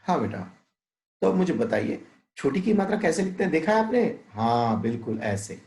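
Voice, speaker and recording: A man teaching a recorded Hindi lesson to young children, drawing out each word slowly, glossing meanings in English and calling his pupils "beta". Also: fairly high pitch, sing-song, a little mellow. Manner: slow, drawn-out word-by-word pronunciation, explaining meanings with English glosses; addresses pupils as "beta", asks frequent checking questions. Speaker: primary school teacher. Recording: echoey room.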